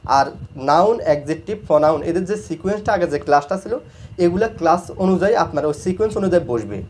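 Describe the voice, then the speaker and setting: A man with a fairly high voice explains English grammar like a patient teacher. He slows down to repeat each example phrase word by word. Faint noise runs under the recording. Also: lively intonation, a little mellow.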